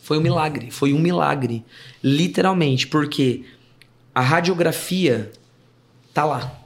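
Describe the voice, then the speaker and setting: Lively Brazilian man telling a story. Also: on the high side, slow. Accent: Brazilian Portuguese. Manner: animated, acts out remembered dialogue in his story; slangy, informal. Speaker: podcast guest, worship pastor. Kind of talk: casual storytelling. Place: podcast studio.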